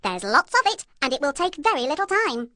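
A woman voicing an eager little pig in a storybook, quick and chirpy. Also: high voice, big pitch swings, pushed and bright, no room sound, studio quality, voice pushed up, exaggerated voice.

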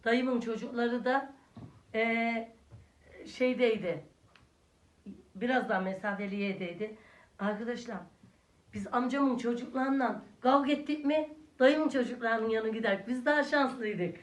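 A woman's voice: a little high, unhurried, pauses often. An older woman, a grandmother, chatting casually to her viewers as friends and cooing at her little grandson in a sing-song way. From Turkey. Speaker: village vlogger and grandmother. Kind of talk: casual home vlog chat. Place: village house room. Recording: echoey room, mic at a distance.

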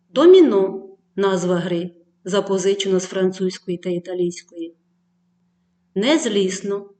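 Slow, measured woman teacher. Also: fairly high pitch, darkish tone. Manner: slow, clear dictation-like reading of word lists; addresses pupils directly with tasks and instructions. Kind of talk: distance-learning lesson for schoolchildren.

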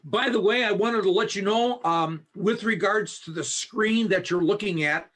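A man leading an online Bible study as its teacher, explaining slowly and kindly with many fillers, heard through a video camera on a video call. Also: high voice, fairly bright tone. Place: home setup on a video call. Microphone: high definition video camera.

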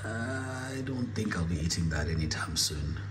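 A man's voice: sits low, expressive, unhurried, echoey room. A South African man, a pastor, chatting playfully on a family vlog while driving, teasing and breaking into laughs. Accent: South African English. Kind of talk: casual family vlog chat. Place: inside a car while driving. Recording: noisy car cabin.

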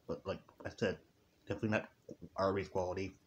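A low-voiced man talks through a mouthful of food as he chews. He is reviewing a sandwich in a plain, halting way and leaves thoughts unfinished. A faint noise sits under the recording. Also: fairly even intonation. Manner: halting, plain-spoken, trails off. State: chewing while talking. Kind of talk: casual taste-test vlog.

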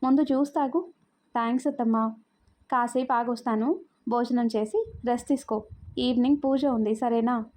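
A woman storyteller voicing a gentle middle-aged mother-in-law in a spoken story. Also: on the high side, steady tone, normal speed, long pauses, close to an everyday voice.

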